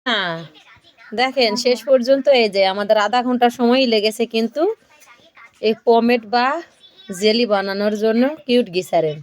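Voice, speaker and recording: A woman's voice: on the high side, moderate pace, pauses often. Chatty older woman showing a home recipe. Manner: chatty, keeps checking the viewer follows. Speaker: home cooking vlogger. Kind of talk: casual cooking demonstration.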